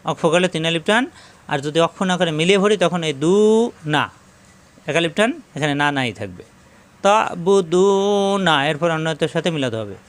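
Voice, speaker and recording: A man teaching recitation, explaining slowly and then chanting verses in a drawn-out style. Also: fairly high pitch, a bit bright. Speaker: Quran teacher. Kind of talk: recitation lesson.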